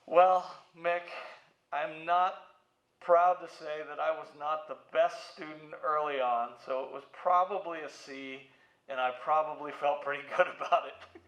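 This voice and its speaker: A middle-aged American museum president and CEO, interviewed as a guest, spins playful, casual anecdotes. His fairly high, slightly bright voice holds a steady tone at a measured pace, and the slightly dull audio carries room echo.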